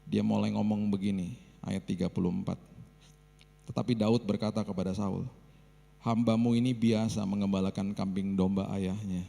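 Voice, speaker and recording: A man preaching a sermon as pastor, telling stories in a lively way and acting out the people he quotes. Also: on the low side, moderate pace, creaky. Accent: Indonesian. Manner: lively storytelling with acted quotes. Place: church hall. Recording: long church hall reverb.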